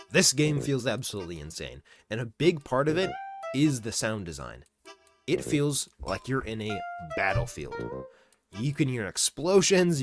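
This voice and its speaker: A man giving casual, enthusiastic game review commentary, swearing now and then. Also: mid-range voice. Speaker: gaming commentator. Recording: voice-over with clear background music.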